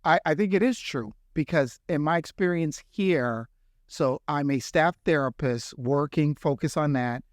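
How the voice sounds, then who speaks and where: A man's voice: a little high, a little slow, dry recording, clean studio sound. A middle-aged man from the Bahamas, a healthcare executive, answering interview questions with earnest, reflective storytelling. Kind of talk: interview conversation.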